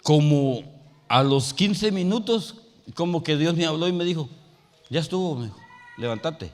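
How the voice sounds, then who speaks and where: A male pastor preaching a sermon. He tells a personal story and rises to loud, emphatic calls. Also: on the high side, animated, normal speed, big-room sound. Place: church sanctuary.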